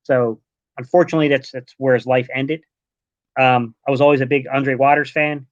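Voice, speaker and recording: A man in his late thirties from Delaware, a guest in a casual sports podcast chat, relaxed and rambling, dropping "man" often. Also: medium pitch, moderate pace, no echo. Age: 30s. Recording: dull lo-fi online call audio.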